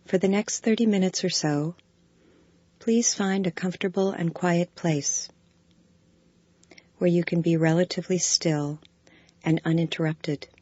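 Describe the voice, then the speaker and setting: A deep, notably low female voice talks the listener through a body scan meditation, pacing her words slowly, softly and calmly. There's no echo; the sound is close and dry, slightly muffled and dull.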